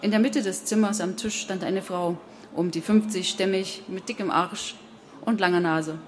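A woman narrating an audiobook in an even, measured storytelling manner. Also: mid-range voice. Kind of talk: audiobook reading.

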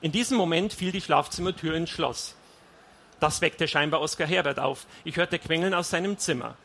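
Bright, husky male audiobook narrator. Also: on the high side, moderate pace. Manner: wry, confessional storytelling. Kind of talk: first-person audiobook narration.

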